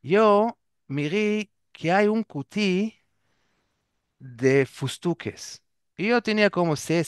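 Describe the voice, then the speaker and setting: Guy telling stories, keeps searching for words, smooth clear voice. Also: a little high, dry recording, clean studio sound. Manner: halting, searches for words, restarts often. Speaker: guest. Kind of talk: casual storytelling.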